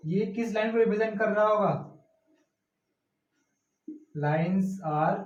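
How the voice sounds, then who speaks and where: In a roomy, distant, muffled classroom recording, a male teacher works step by step through a math lesson, posing questions and answering them himself. His voice sits high, a little mellow, and moves at a slow pace.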